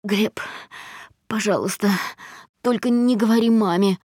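A woman's voice: on the high side, animated, normal speed, no room sound, studio quality, lightly acted. A woman voicing a young wife who answers her husband tensely and defiantly. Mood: pleading.

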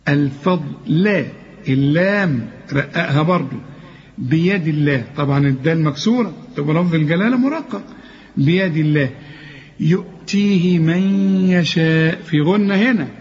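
A man's voice: a little high, slightly rough, muffled recording. A man with an Egyptian accent teaching Quran recitation, coaxing his students and repeating words to correct their pronunciation. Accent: Egyptian Arabic. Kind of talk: tajweed lesson.

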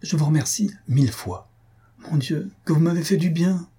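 A man voicing a young countess, sorrowful and fervent, in a raised, gentle voice. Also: mid-range voice, normal speed, breathy edge. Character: grieving, warm-hearted young countess.

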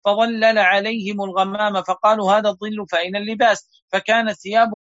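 Male sheikh, high voice, quick steady recitation, dull lo-fi online audio. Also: dry recording. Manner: fast steady recitation of narrator chains. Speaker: sheikh teaching a lesson. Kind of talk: reading hadith chains aloud in an online class.

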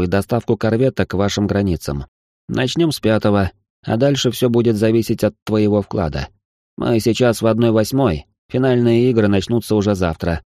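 A man's voice: fairly low pitch, dark tone, no room sound, studio quality, voice pushed up, natural voice. A man voicing a polite male negotiator making a persuasive offer in an audiobook reading. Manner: courteous, persuasive.

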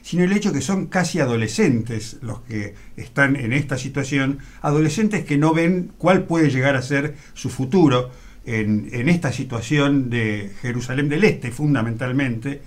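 A man adding to a radio news discussion in a measured, hesitant way, with filler pauses. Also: medium pitch. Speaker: co-host commentator.

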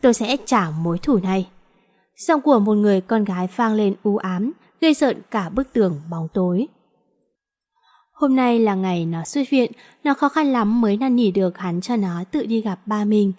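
A woman narrating a romance novel in a steady, even reading voice. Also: mid-range voice. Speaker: audiobook narrator.

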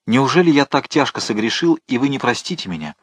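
A man's voice: medium pitch, sing-song, fast talker, breathy edge, dry recording, voice pushed up. A man voicing a dying, remorseful executioner who moans and begs for absolution. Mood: pleading. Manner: pleading, moaning.

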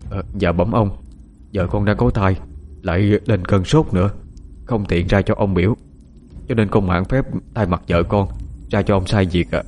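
A man's voice: low voice, fairly even intonation, normal speed, darkish tone, a little hiss or hum, natural voice. A man voicing a poor young husband who speaks with hesitant deference to a powerful official. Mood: deferential. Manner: deferential, hesitant, pleading politely.

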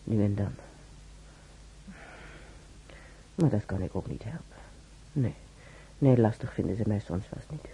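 A woman with a warm bass voice and lively intonation speaks at a moderate pace. In a radio drama she plays a talkative, wry old hospital patient and former maid, rambling colloquially and muttering wistfully to herself. The old radio recording is clearly noisy.

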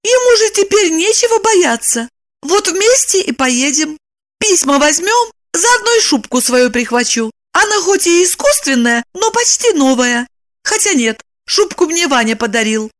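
A woman voicing a desperate, naive young woman in love, with shrill, pleading exclamations. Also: very animated, measured pace, exaggerated voice. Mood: earnest. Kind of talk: audiobook narration with voiced characters.

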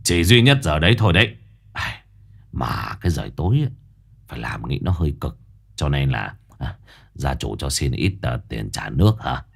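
Man doing a gruff, crafty old sorcerer. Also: big pitch swings, moderate pace, fairly bright tone, exaggerated voice. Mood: sly. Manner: low, gruff, sly and wheedling.

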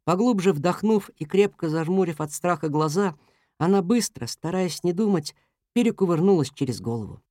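A narrator reading a children's story aloud in an even, gentle manner. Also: medium pitch, normal speed, dry recording, clean studio sound.

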